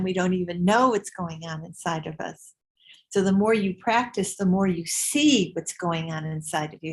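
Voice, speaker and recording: A woman's voice: fairly low pitch, poor audio. An older woman from the United States giving a chatty, informal Buddhist teaching in a meditation room, often repeating words as she thinks. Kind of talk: informal dharma talk to a group.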